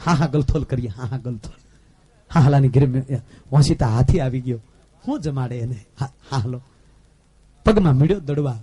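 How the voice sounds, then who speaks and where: A man with a Saurashtra Gujarati accent telling folk jokes and preaching at a live stage program, rustic and swinging between loud exclamations and soft asides. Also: mid-range voice, husky. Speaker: folk storyteller and comedian.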